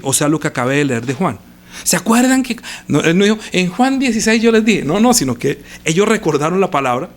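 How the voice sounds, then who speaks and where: In a live-streamed sermon, a high-pitched man reads scripture aloud and repeats phrases. His delivery shifts between loud emphasis and quiet, hushed lines.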